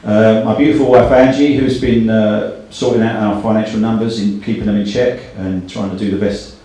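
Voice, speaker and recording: A middle-aged man, the event host and a company director, gives a thank-you speech in a hall and reads out names. His voice is fairly low and warm, with a steady tone at normal speed. He's distant from the microphone, and the hall is very echoey.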